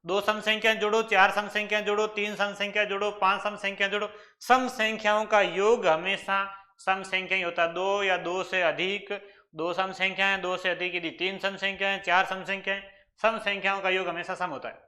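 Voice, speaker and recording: A man's voice: high-pitched, level tone, moderate pace, sharp tone. A man with a Rajasthani accent teaching an exam-prep maths lesson, working through problems step by step and answering his own questions.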